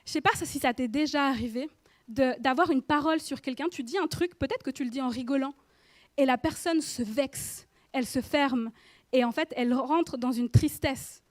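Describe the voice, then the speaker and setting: A woman's voice: sits high, normal speed, no room sound. A woman in her thirties giving an informal sermon in church, chatty and speaking directly to the listener with frequent questions. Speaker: preacher.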